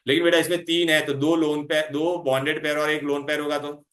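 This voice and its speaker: Coaxing chemistry teacher, echoey room. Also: male voice, fairly high pitch, flat delivery, fast, fairly bright tone. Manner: coaxing, calls students "beta", quizzes them constantly. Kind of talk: revision lecture to students.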